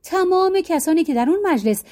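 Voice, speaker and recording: A woman reading folk tales aloud as a storyteller, with an expressive, lilting delivery. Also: very high-pitched. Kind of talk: storybook narration.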